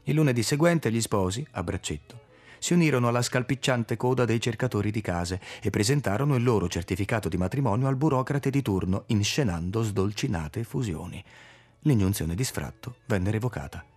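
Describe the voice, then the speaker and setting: A man narrating a literary audiobook in a measured, expressive reading. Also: on the low side, husky, soft background music. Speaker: audiobook reader.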